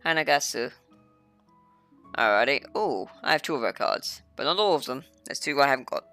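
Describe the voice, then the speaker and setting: A woman's voice: rumbling low, animated, moderate pace, a bit bright, soft background music. A woman streamer chatting casually during a game stream, rambling, offhand and profane. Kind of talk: casual gaming stream chat.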